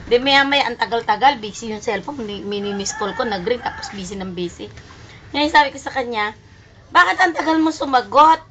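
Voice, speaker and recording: A woman telling a lively story in a casual home video, acting out both sides of a phone quarrel as she goes. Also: mid-range voice, brisk. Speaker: storyteller recording a video message. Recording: noisy home video recording.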